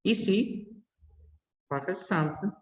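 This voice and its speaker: A man teaching a language lesson, slowly repeating each word form aloud as he explains it. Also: high voice. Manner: slow, careful, repeats word forms aloud. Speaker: French teacher. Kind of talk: bilingual classroom lesson. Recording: echoey hall.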